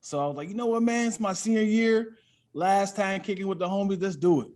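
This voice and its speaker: Appearing as a podcast guest, a male comedian with a high-pitched voice tells stories in a loose, comic, brisk style. He's animated and acts out bits of quoted dialogue as he goes.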